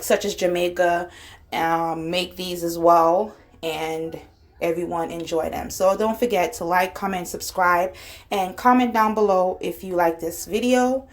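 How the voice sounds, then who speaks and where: A woman with an Antiguan accent giving a casual, chatty cooking tutorial as the host of her channel. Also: fairly low pitch. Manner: informal, chatty, instructional.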